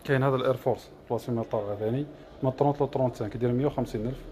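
A man with an Algerian Arabic accent runs down shoe models one after another, listing prices and colors. He talks quickly at an ordinary middle pitch. Clear shop ambience hums behind him. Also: fairly even intonation, darkish tone, a little hiss or hum. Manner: rattles off prices and colors in a list. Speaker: shop seller. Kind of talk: product showcase livestream.

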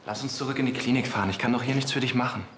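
An actor playing a worried, protective young boyfriend in a television drama. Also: male voice, medium pitch, racing, heavy background noise, natural voice. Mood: worried, gentle. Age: young adult. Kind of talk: TV drama acting. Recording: roomy sound, music under dialogue.

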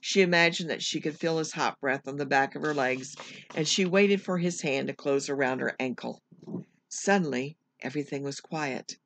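A teacher reading a children's chapter book aloud at home, measured and careful, now and then correcting a slipped word. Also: medium pitch, fairly bright tone, dry recording. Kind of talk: storybook read-aloud.

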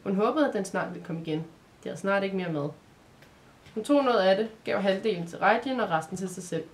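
Woman storyteller from Denmark, calm measured storybook reading, medium pitch. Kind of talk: storybook narration.

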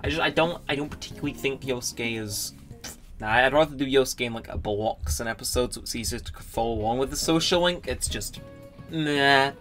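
A man's voice: mid-range voice, brisk, fairly bright tone, soft background music. A man giving casual, rambling commentary as he plays a game, often correcting himself and reading the on-screen text aloud. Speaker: let's play gamer.

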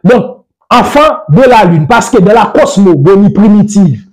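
A man giving a spoken lecture in a methodical, didactic way. He links his points one after another and slowly spells out lists of words. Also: high voice, animated, rough recording. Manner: methodical and didactic, strings points together with frequent "donc"; slow deliberate spelling-out of word lists. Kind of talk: spoken lecture on language and religion.

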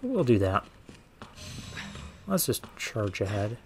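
A man's voice: lowish voice, huge pitch swings, takes it slowly, a little hiss or hum. A man giving casual let's play commentary on a video game, thinking aloud with muttered asides as he goes. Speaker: gaming let's play host.

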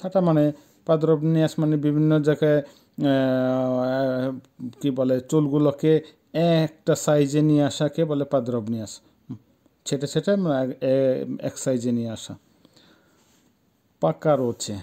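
Middle-aged guy teaching a language, really slow, repeats stuff, pauses a lot. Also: medium pitch, mellow. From Bangladesh. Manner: deliberate, repeats words for pronunciation with frequent pauses. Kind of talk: slow explanatory language lesson.

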